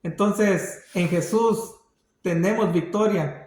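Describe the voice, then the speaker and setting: Slow, high-voiced man preaching. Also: a little mellow, roomy sound. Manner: slow, halting delivery with repeated words. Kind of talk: sermon.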